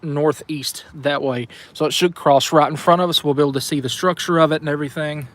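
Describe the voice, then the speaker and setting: A man's voice: on the high side, fairly even intonation, fairly quick, a bit bright. A man giving casual, colloquial live commentary as a storm chaser. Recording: noisy field audio, outdoor and vehicle noise.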